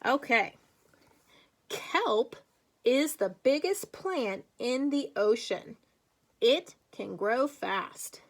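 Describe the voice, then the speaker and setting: Animated and fairly high-voiced, a woman addresses young children as their teacher. Her pace is very slow and deliberate, her phrasing emphatic like a read-aloud, and she sprinkles in chatty asides and encouraging questions.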